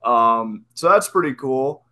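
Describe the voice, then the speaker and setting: A man's voice: mid-range voice, expressive, takes it slowly, sharp tone. A man guesting on a casual fan podcast, laid-back and hesitant with frequent ums.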